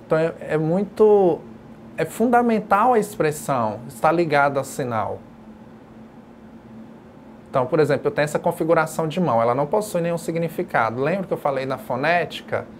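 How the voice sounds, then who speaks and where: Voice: mid-range voice, slight background noise. A sign language teacher giving a recorded distance-learning lecture, explaining patiently and step by step while demonstrating signs. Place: educational video studio.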